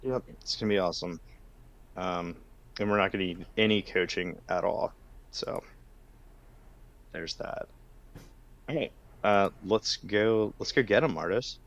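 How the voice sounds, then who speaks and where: A man's voice: deep voice, measured pace, long pauses, fairly bright tone, lo-fi sound. A man playing a tabletop game, chatting casually and hesitantly. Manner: hesitant, searching for words. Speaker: player.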